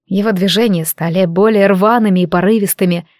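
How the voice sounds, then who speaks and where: A woman reading an erotic fantasy novel aloud as scripted narration, slow, even and intimate. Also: mid-range voice, no room sound, studio quality. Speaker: audiobook reader.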